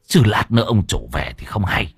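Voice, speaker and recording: A man's voice: sits low, big pitch swings, moderate pace, vocal fry, slightly rough, no echo, studio quality, exaggerated voice. A man reading an audio story and voicing a stern male servant who curtly orders a visitor away. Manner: curt, firm, threatening.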